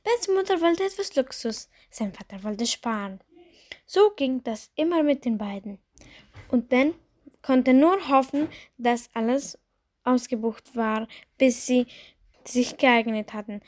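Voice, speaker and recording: A woman's voice: on the high side, expressive, a little slow, darkish tone. Woman reading a storybook aloud. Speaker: narrator.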